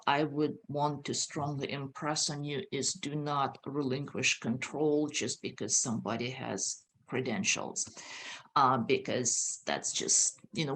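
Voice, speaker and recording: A woman with a very low voice talks slowly and earnestly. She fills her sentences with ums and uhs as she explains. Her voice comes over a video call. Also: a bit bright, a little hiss or hum. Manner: hesitant, many fillers, earnest. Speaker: host.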